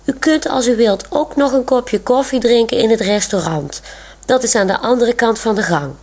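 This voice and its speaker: A woman's voice: on the high side, a little slow, darkish tone. A woman reading aloud voices a friendly, polite male museum attendant who speaks formally.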